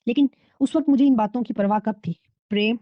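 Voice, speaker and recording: A woman narrating a scripted horror love story in a steady storytelling manner. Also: fairly high pitch, no echo. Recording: dull, dry lo-fi recording.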